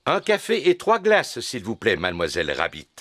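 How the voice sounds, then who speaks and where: A man's voice: lowish voice, huge pitch swings, moderate pace, over loud music. A man voicing a cheerful, overconfident pig father in a children's cartoon, jovial and self-assured. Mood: jovial, confident.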